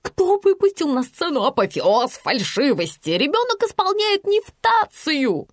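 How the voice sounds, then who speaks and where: Woman playing shrill bossy middle-aged woman, high piercing voice, hissing and scornful, dry close sound. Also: big pitch swings, a little slow, no room sound.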